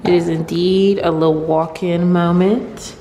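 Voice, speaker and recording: A woman talks casually to her viewers as she walks through an empty, unfurnished apartment. Her voice sits a little low, and she speaks at an unhurried pace. Every word rings out with a big hall echo off bare walls, and faint music plays underneath. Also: little pitch movement, warm tone, a little hiss or hum. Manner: chatty, informal, talks to viewers as "y'all". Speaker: vlogger.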